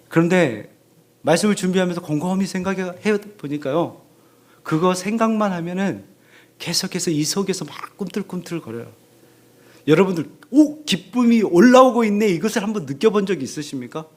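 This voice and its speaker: A man preaching a Sunday sermon in a church, animated, acting out the voices of parents he quotes. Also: high-pitched. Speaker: pastor. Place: church sanctuary.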